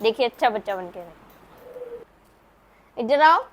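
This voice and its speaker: A woman's voice: on the high side, expressive, unhurried, slight background noise. A woman vlogging casually, coaxing and teaching in a playful manner like a teacher. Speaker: family vlogger. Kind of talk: casual vlog.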